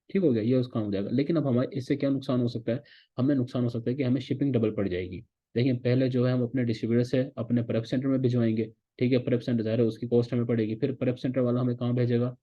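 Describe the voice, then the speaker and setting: A man teaches a recorded online course at a brisk, rapid clip, walking through each step and checking in constantly. His voice sits at an ordinary pitch for a man. The recording is dull and lo-fi. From Pakistan. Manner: repeats "theek hai" as a check-in, explains step by step. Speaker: course instructor.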